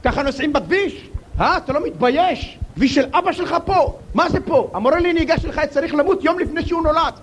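Road-rage driver, shrill and shouting insults, put on by a male preacher. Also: expressive, hardly any pauses, a little hiss or hum. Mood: furious. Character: furious male driver yelling at another driver.

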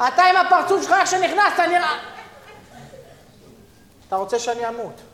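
A man performing a comedy sketch, ranting in paranoid, escalating bursts that build to shouting. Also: very high voice, very animated, reverberant, some chatter behind.

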